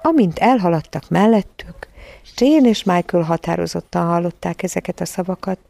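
A woman narrating a children's storybook in a calm, even reading voice. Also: lowish voice, vocal fry, no room sound. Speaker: audiobook narrator.

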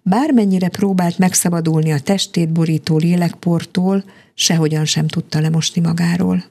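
A woman reading a children's fairy tale aloud in a calm, expressive storytelling manner. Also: on the low side, gravelly.

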